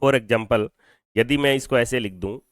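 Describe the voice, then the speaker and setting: A man's voice: medium pitch, measured pace, no echo, clean studio sound. A man teaching a physics class in Hindi mixed with English. He explains step by step, asks questions and answers them himself, and has the students repeat terms after him. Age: adult over twenty-two. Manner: mixes Hindi with English phrases. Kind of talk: classroom lecture.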